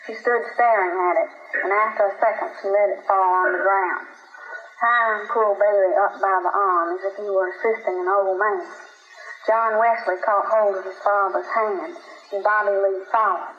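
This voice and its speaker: A woman narrating a story at a steady, unhurried pace. Her voice sits in the middle of the range. The recording is dull and roomy. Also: mid-range voice. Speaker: audiobook narrator. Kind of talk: scripted narration.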